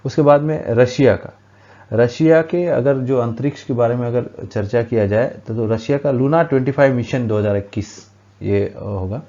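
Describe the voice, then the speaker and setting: A man's voice: mid-range voice, moderate pace, warm tone, dull audio. A man teaching a current affairs lesson for exam preparation, reading quiz questions and explaining the answers at a board with frequent hesitations.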